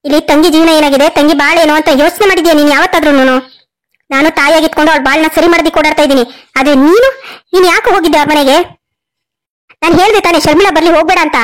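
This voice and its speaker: A woman's voice: high-pitched, lightly acted. A woman voicing an older mother in a cartoon story who fiercely defends her daughter, scolding indignantly. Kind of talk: cartoon voice acting.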